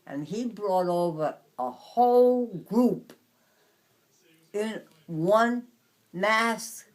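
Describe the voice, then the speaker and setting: An elderly woman in her nineties from Brooklyn, reminiscing in a casual interview, haltingly, searching for words and repeating phrases. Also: medium pitch, expressive. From Brooklyn, New York. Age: 90s. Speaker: interviewee recalling the past.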